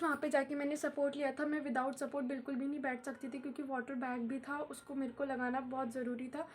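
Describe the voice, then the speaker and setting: A young woman vlogs casually to camera from home while her mother does her hair. She's a vlogger and tuition teacher, unwell and in pain, and she's chatty and repetitive, calling her viewers "guys." Her voice is high-pitched, with slight background noise.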